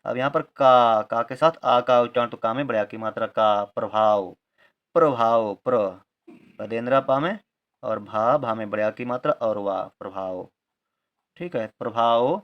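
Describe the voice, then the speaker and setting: Guy teaching handwriting, slow and patient, goes letter by letter. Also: mid-range voice, lo-fi sound. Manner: slow, careful, explaining step by step. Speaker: Hindi writing teacher. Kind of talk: handwriting lesson.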